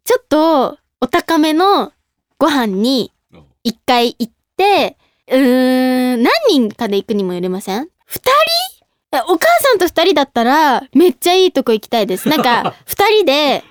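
A young woman hosting a casual radio talk show, reading listener mail with a bubbly, giggly, animated manner. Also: high-pitched, moderate pace, no room sound, studio quality. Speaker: idol radio host.

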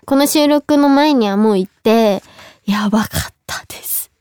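Fast-talking young woman radio host. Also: a little high, a little mellow, smooth, no echo, clean studio sound. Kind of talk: casual radio chat. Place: radio studio. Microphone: studio microphone.

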